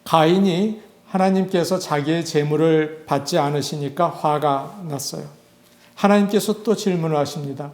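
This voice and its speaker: Higher-voiced male pastor preaching in a roomy space. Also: moderate pace. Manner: conversational preaching, acting out quoted voices. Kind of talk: sermon.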